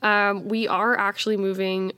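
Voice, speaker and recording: Slightly raspy, nasal woman podcaster with a cold. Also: mid-range voice, flat delivery, normal speed, sharp tone, dry recording. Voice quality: slightly hoarse smoker's rasp, nasal. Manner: informal, conversational. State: getting over a chest cold. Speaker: podcast co-host. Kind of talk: casual chat.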